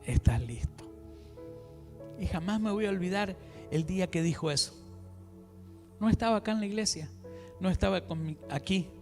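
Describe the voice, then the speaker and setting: High-voiced preacher in a reverberant hall. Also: male voice, brisk, pauses often. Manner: impassioned, swings between loud exhortation and hushed asides. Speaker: apostle preaching. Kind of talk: sermon. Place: church hall. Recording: music and long reverb of a hall.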